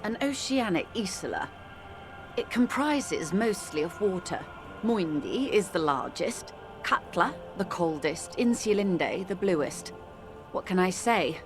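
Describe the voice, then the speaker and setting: Lowish in register, a worldly, composed mature woman delivers dramatic video game lines in a measured, eloquent way, gently condescending as she addresses the listener as dear and darling. Music is clearly audible beneath her.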